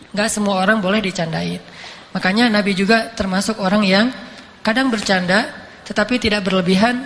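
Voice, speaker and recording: An animated male preacher tells stories full of jokes and acted-out voices. His voice sits high. The recording carries a long hall reverb and a faint hiss underneath. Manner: animated, jokey, acts out voices. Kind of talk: lively sermon storytelling.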